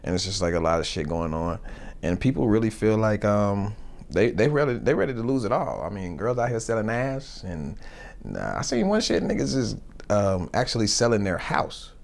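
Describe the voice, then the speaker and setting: A man's voice: fairly low pitch, very animated, moderate pace, creaky. A man hosting a casual comedic commentary show, rambling with slang and lots of fillers.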